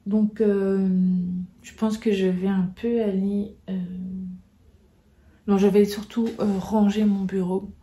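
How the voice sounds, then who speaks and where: A French woman chats casually to her vlog camera, rambling along with plenty of fillers and restarts. Her voice is soft and mellow, sitting at an ordinary middle pitch. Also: creaky. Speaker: book vlogger.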